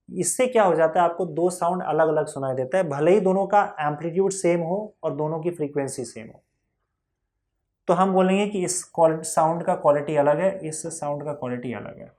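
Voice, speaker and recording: A man's voice: on the high side, darkish tone. A man teaching a physics lesson in a patient way, repeating key points and asking whether the class has understood.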